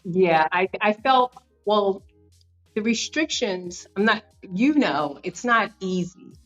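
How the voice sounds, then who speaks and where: In a conversational podcast interview, a guest in her fifties tells her story earnestly, filling it with fillers and restarts. She sounds medium-pitched, expressive, and slow, over soft background music on dull audio.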